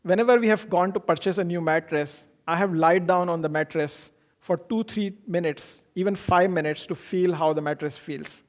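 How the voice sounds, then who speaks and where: A man's voice: high-pitched, moderate pace. A man gives an informal motivational talk, explaining earnestly through personal anecdotes and posing questions that he then answers. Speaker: speaker giving a self-improvement talk.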